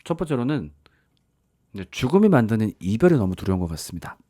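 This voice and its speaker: A man's voice: lowish voice, very animated, fast talker, dark tone, no echo, clean studio sound. A man preaching a sermon in a conversational storytelling way, acting out the voices in the stories he tells. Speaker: pastor.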